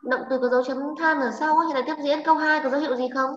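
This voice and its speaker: Woman teacher, Vietnamese accent, higher voice, echoey lo-fi audio. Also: fairly even intonation, noisy background. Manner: brisk, scolding and coaxing students with questions. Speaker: English teacher. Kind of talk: online class teaching. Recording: echoey, lo-fi online class audio.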